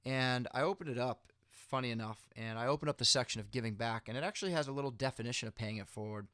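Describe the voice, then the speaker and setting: A man's voice: medium pitch, fast talker, a bit bright, no room sound, clean studio sound. A man hosting a motivational series, giving a halftime-style pep talk straight to viewers in a conversational, encouraging way, leaning on repeated phrases for emphasis. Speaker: host of a motivational video series.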